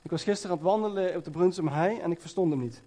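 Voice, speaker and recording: A man delivers a sermon in a church, talking loosely and personally, with plenty of ums and restarts. His voice sits high for a man and sounds mellow and warm. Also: racing. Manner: conversational storytelling with many fillers. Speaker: preacher.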